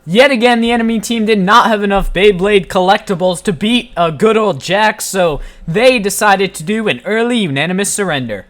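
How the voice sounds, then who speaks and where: High-voiced joking gameplay commentator. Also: male voice, normal speed, hardly any pauses. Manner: playful, self-mocking, deadpan jokes. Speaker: gaming channel host.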